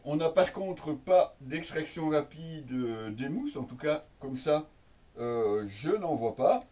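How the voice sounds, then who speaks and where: Heard on a distant mic, this man has a slightly high, warm, expressive voice and speaks slowly. He's a product reviewer presenting a casual unboxing, improvising his explanations hesitantly and speaking directly to the people watching.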